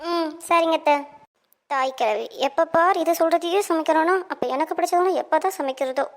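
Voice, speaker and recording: A woman's voice: very high voice, fast talker. A woman acting a cheeky young daughter-in-law who talks back with mock politeness in a comic skit.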